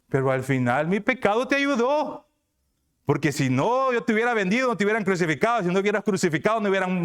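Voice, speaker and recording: A preacher acting out Judas, a grown man who betrayed his teacher and now argues that he should be rewarded. The voice climbs well above the preacher's normal pitch. It whines and pleads in a defensive, argumentative tone. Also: fairly bright tone, clear, resonant tone.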